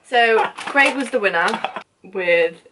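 A woman's voice: mid-range voice, expressive, slow pace, background noise. A woman in her twenties bantering casually in a bossy, sweary way as a vlogger. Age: 20s. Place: small room at home, indoors.

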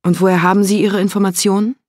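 A man's voice: high-pitched, flat delivery, quick pace, no room sound, studio quality, voice pushed up, close to an everyday voice. A man voicing a curt, composed institute head woman. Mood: guarded.

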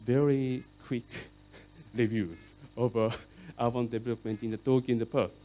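Middle-aged Japanese-native man, keynote lecturer, mellow voice, halting English full of "uh"s. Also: medium pitch, fairly even intonation, soft background music. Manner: halting non-native English with many fillers. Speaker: keynote speaker on urban rail.

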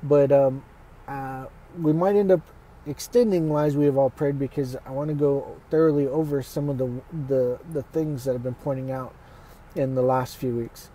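Husky, dark-voiced man teaching casually. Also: medium pitch, fairly even intonation, normal speed, low-quality recording. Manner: conversational, speaks straight to listeners.

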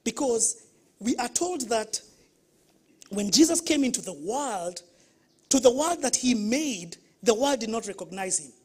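A woman pastor with a Kenyan accent preaches from the front of a church. She mixes stories with questions to the congregation and keeps her delivery lively. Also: on the high side, measured pace, slightly rough. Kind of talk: sermon.

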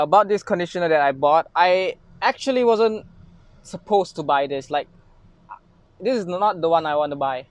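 A man's voice: sits high, smooth, no echo. Young Malaysian man rambling in a car. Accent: Malaysian English. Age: young adult. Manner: rambling, self-mocking, lots of fillers and restarts. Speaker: vlogger. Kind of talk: casual grocery haul vlog. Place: inside a parked car. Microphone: phone camera held close.

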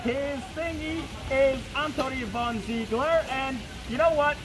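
A woman hosting her vlog in casual, excitable chat, speaking through a fursuit head outdoors. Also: high voice, measured pace, rough recording. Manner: bubbly, excitable, playful. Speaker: vlog host. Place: outdoors in a public town area. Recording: loud outdoor background noise.

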